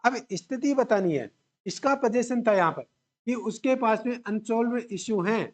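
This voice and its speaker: A man's voice: very high-pitched, normal speed. A male teacher explains grammar rules at a classroom whiteboard in an exam-prep lecture. He keeps posing questions and answering them himself, repeating each key term as he drills the class. He weaves English grammar words into his explanation. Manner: mixes English grammar terms into Hindi explanation.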